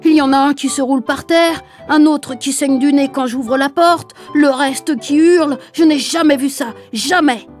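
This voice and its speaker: A woman reading aloud, voicing a stern, exasperated grown man who supervises schoolchildren, scolding loudly. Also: high-pitched, fairly even intonation, fairly quick, soft background music, close to an everyday voice. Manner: scolding, loud and harried.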